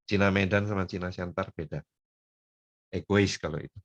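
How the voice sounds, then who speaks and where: A man's voice: sits low, steady tone, normal speed. Older preacher man, muffled lo-fi sound. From Pematangsiantar, North Sumatra. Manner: folksy storytelling, swings from soft murmurs to loud emphatic bursts. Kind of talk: sermon.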